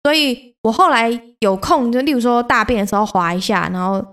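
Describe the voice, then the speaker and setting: A young woman hosting a podcast, telling stories in a casual, animated way, swearing freely and acting out her own outbursts. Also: fairly high pitch, fairly quick. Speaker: podcast host. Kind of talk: casual solo storytelling.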